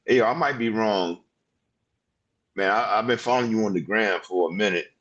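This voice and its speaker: A man in his fifties hosting a casual interview, excitable and rambling, full of slang. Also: on the low side, a little fast, highs cut off. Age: 50s. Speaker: podcast host.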